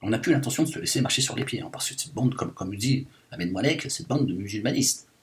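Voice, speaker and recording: Speaking fast in a lowish, expressive voice that's lightly acted, a man takes on the role of a woman who calls herself liberated. His satirical rant overflows with fillers, delivered in indignant, mock-outraged fashion.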